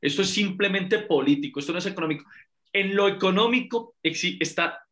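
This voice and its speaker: A man's voice: high-pitched, brisk, a bit bright. A man with a Colombian accent, explaining political points emphatically as a podcast guest.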